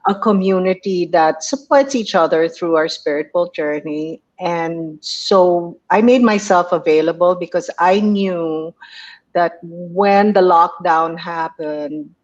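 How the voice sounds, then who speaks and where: A woman guest coach answering interview questions in a warm, chatty way, laughing often and pausing with hesitations. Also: fairly low pitch, lo-fi sound.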